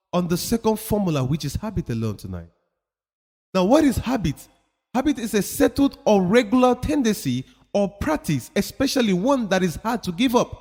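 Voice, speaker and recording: A motivational speaker with a high, a little mellow voice presses his message in an emphatic, sermon-like style, echoing phrases again and again for impact. His pitch moves across a wide range, and the sound carries a long hall reverb.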